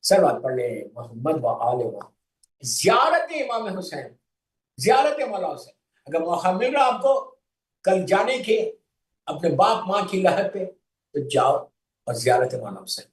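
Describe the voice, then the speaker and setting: A man's voice: high-pitched, sing-song, a little slow. Man preaching in an echoey room. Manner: preaching, rising emphasis, asks and answers his own questions. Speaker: Islamic scholar. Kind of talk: devotional sermon. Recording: echoey room, mic at a distance.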